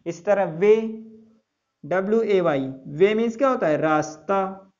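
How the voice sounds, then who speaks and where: A man with a high-pitched, darkish voice teaches an English lesson at an unhurried pace, and the highs sound cut off. He spells words letter by letter and repeats each answer in call-and-response with the class.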